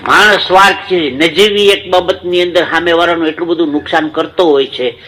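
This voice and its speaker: Man, Saurashtra Gujarati accent, stage comic, folksy storytelling, slightly high voice. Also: steady tone, brisk, noisy background. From Gujarat, India. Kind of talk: stage comedy monologue with jokes and a story.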